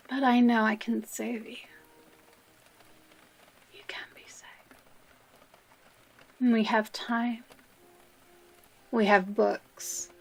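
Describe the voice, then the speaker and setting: In a dramatic audio roleplay, a woman plays an obsessive, possessive librarian who holds someone captive, her manner tender yet menacing and her mood sorrowful and insistent. Her voice is fairly high, exaggerated, and breathy, often sinking to a whisper, with theatrical pauses.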